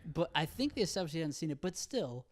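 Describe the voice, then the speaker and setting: A young man hosting a casual movie review podcast, relaxed and quick to laugh. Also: on the high side. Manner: laid-back, laughs often, show-host announcing. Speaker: podcast host. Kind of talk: casual chat.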